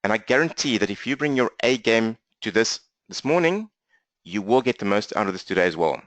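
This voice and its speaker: A man with a strong South African accent, speaking fast and energetically as he leads a live online training session from his laptop. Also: on the low side, dry recording. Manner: fast-talking, energetic, interactive. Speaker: business coach for accountants. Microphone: laptop mic.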